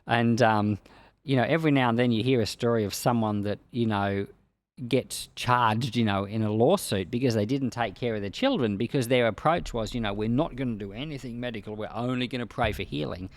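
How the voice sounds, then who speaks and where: A man speaks a little fast in a medium-pitched voice, reading scripture and then giving informal devotional commentary. As a pastor and Bible podcast host, he explains the text in a plain-spoken way.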